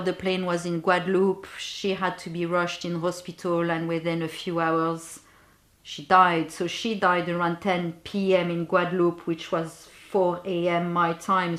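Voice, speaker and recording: Woman, personal storytelling, very slow pace, reflective, pauses to find words, echoey room. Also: on the low side, a bit bright. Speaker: bereavement guide. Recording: roomy echo.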